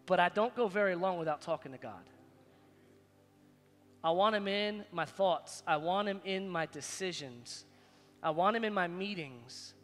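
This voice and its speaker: Animated preaching man on stage. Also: measured pace. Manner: animated, preaching with big swings in loudness and pitch. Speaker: pastor. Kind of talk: sermon. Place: large stage in a church hall. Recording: long hall reverb, faint music behind.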